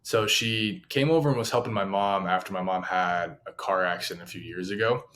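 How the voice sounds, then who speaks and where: A young male podcast co-host with a low voice talks a little fast in a casual chat. He's an animated storyteller, sharing funny anecdotes and acting out the quotes.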